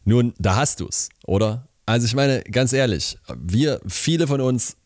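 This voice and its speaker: A man's voice: medium pitch, animated, a little slow, a little mellow, no echo, studio quality. A man giving informal Bible teaching in a conversational, emphatic way, often asking rhetorical questions. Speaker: preacher.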